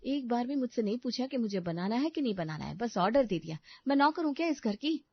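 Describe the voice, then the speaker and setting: A woman voicing an overworked young wife in an animated family story, complaining and sarcastic. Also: fairly high pitch, quick pace, no echo. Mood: indignant. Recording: dry, slightly dull studio recording.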